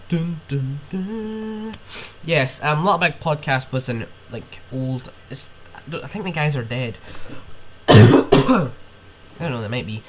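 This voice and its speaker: A man's voice: medium pitch, animated, unhurried, noisy background. A young man with a cold, hosting a podcast on his own and ranting in rambling, casual chat, with sniffs and swearing. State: ill with a cold. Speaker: podcast host.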